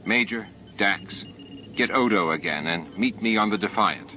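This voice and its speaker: A man's voice: on the low side, expressive, a little slow, slight background noise. A man voicing a composed, decisive starship captain in an audiobook. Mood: commanding. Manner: sincere, decisive. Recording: dull lo-fi audiobook tape.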